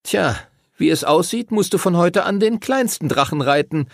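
A man's voice: mid-range voice, moderate pace, no room sound, clean studio sound, voice pushed up, close to an everyday voice. A man reading an audiobook and voicing a cocky teenage boy who talks in a mocking, grinning way.

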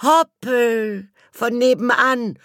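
A woman's voice: fairly high pitch, slow pace, fairly bright tone, dry recording, studio quality, pitched above the performer's own voice. A shrieking, hysterical young girl. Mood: shrill distraught. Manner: shrieking, wailing.

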